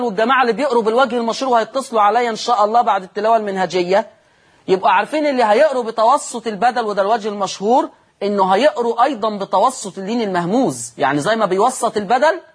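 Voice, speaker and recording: A man with an Egyptian Arabic accent teaching Quran recitation on a broadcast lesson, explaining rules, reciting words slowly and quizzing his listeners. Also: sits high, husky.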